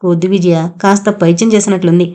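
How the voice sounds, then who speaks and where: A woman's voice: lowish voice, fairly even intonation, fast talker, close to an everyday voice. A woman voicing a frail, tender old mother. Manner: soft, tired and tender. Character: frail ailing older widowed mother, gentle.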